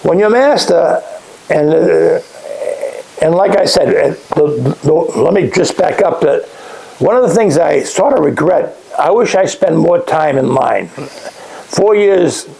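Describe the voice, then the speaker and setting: An older man, recalling lodge days in a casual interview, halting and restarting often. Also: fairly high pitch, animated, gravelly, mellow, rough recording. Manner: halting, many restarts, chuckles at his own remarks. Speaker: interviewee, past lodge master. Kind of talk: casual oral-history interview.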